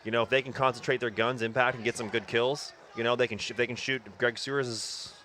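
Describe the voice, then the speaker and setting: Fast-talking, excitable paintball commentator man. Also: medium pitch, slight background noise.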